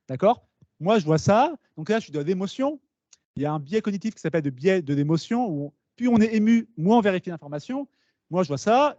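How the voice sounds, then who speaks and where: A man giving a lively conference talk to students, explaining with asides and questions to the audience. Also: high voice, no room sound. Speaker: speaker at a talk. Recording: dull, slightly lo-fi meeting recording.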